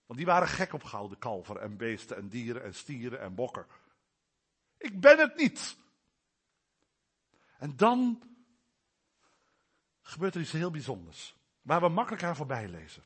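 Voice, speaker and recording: A man preaching a sermon, swinging between soft, low asides and loud, raised declarations. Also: sing-song, quick pace, breathy edge.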